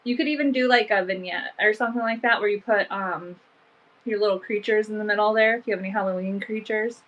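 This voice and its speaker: Talking quickly in a medium-pitched, slightly bright voice, an online vintage seller hosts a home live sale while stuffed up with allergies. She chats casually with frequent "um" and "like." The recording's highs are cut off.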